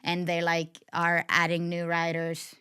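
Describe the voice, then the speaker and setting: Young woman, from Finland, podcast guest, casual filler-heavy chat, lowish pitch. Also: measured pace, smooth. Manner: relaxed, uses filler "like" often. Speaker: guest snowboarder.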